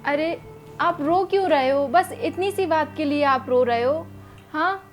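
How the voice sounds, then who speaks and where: A woman as a gentle, devoted young wife. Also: sits high, a little slow. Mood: tender. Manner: soft, coaxing, reassuring. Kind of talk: amateur short-film acting. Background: background music.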